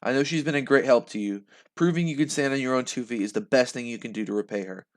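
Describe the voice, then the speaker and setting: Gentle comforting mom, soft and soothing; man reading her. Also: medium pitch, fast, natural voice. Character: gentle loving mother, calm and comforting.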